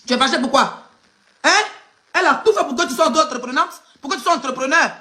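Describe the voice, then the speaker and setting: A woman's voice: sits high, quick pace, bright, forceful tone. A woman from Côte d'Ivoire with an Ivorian French accent, doing live gossip commentary in a mocking, emphatic way that speaks straight to the person she criticizes. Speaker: online gossip blogger.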